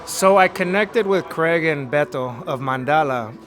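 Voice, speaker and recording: A man's voice: fairly high pitch, expressive, measured pace, crowd noise. Earnest man with a slightly raised voice. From Los Angeles. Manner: earnest, motivational. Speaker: artist interviewed. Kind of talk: reflective interview talk. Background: music.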